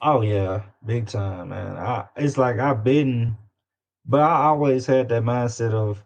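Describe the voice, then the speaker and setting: Taking things slowly, an independent music artist from Louisiana, United States, chats as a casual interview guest, his Southern US accent slangy and his phrases repeated for emphasis. His voice is medium in pitch and creaky, and the recording sounds dull and lo-fi.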